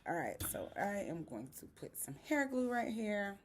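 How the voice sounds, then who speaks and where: Brief: young Southern-accented woman, vlog host, playful and sassy, mid pitch. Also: very animated, moderate pace, noisy background. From Southern United States. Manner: chatty, playful, sassy asides. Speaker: dance educator and channel host. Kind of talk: casual tutorial vlog.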